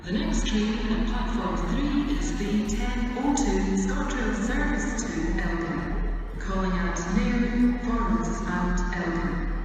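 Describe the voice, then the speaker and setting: Woman's slow train station loudspeaker announcement. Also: mid-range voice. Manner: measured, evenly spaced listing of stops. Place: railway station platform. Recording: distant loudspeaker with clear music behind.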